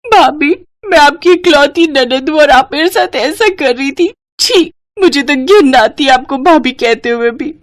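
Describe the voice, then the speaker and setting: A woman's voice: high voice, expressive, unhurried, few pauses, voice pushed up. A woman voicing a spoiled, scheming young sister-in-law who whines and accuses. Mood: accusing. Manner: whiny, accusing, sharp.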